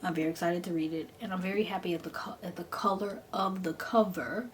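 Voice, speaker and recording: Chatty, gushing woman book reviewer, lowish voice, noisy. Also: fairly even intonation, brisk. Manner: informal, enthusiastic, emphatic repetition. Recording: noticeable background noise.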